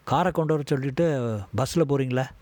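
A man voicing an anxious, deferential car driver who talks in a hurried, raised way. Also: medium pitch, darkish tone, dry recording, pitched above the performer's own voice, lightly acted. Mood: urgent.

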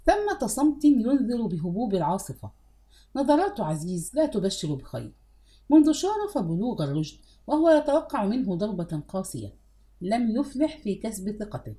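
Expressive woman reading a novel. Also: mid-range voice, normal speed. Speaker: narrator. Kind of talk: audiobook novel narration.

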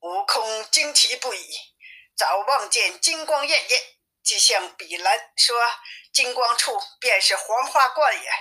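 Bright-voiced woman reading a storybook. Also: on the high side, animated, measured pace. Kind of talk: storybook reading of a classic tale.

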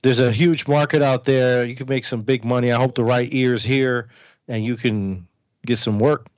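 A man's voice: medium pitch, fairly even intonation, moderate pace, a little mellow, no echo, muffled recording. A man chatting casually as a co-host who asks questions and offers ideas. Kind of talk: casual chat.

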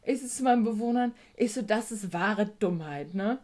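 A woman's voice: medium pitch, expressive, moderate pace, darkish tone. A woman telling a story from her work as a care worker in a casual chat. She is blunt, swears, and acts out the dialogue. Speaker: guest recounting a work trip; care worker with a residential group.

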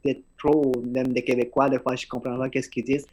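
Here a male podcast host talks a little fast in a slightly mellow, medium-pitched voice with little pitch movement. Earnest and casual, he has a non-native-sounding French accent, slightly slurred articulation, and a habit of repeating words as a thought begins.

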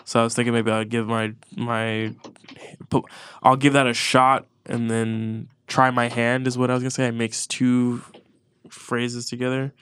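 A man's voice: mid-range voice, level tone, a little slow, a bit bright, smooth, no echo. A congested man on a podcast, chatting casually and rambling with frequent swearing and restarts. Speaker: podcast co-host. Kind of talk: casual chat about music.

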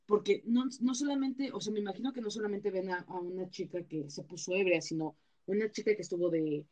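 A young woman with a Mexican accent chats casually as a podcast co-host. She tells her stories in a loose, slangy way, full of fillers and restarts, at an ordinary middle pitch. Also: brisk, mellow. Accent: Mexican Spanish. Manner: chatty, slangy storytelling with many fillers. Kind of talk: casual chat.

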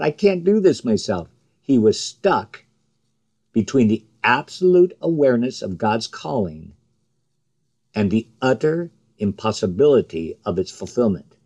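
Slow, lively-voiced male preacher. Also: medium pitch, slightly rough. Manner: slow, measured delivery with emphatic rises on quoted cries. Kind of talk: sermon.

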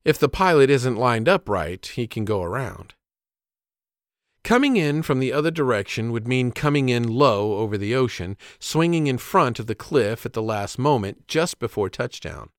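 A man narrating a personal story about himself as a father in measured, plainspoken scripted narration. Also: mid-range voice, expressive, no room sound, studio quality.

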